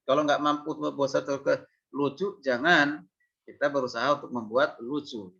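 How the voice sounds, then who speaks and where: A man's voice: medium pitch, fairly even intonation, normal speed, gravelly, a bit bright, breathy edge, lo-fi sound. A man teaching a seminary class on preaching, talking casually with many fillers and demonstrating rising and falling intonation. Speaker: homiletics lecturer. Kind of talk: seminary lecture.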